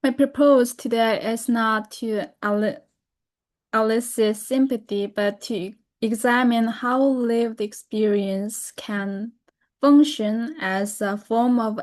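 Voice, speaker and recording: Slow, halting woman from North Korea, Korean native. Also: mid-range voice. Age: young adult. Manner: careful and halting, frequent fillers and self-corrections. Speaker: webinar speaker. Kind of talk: presentation over a video call.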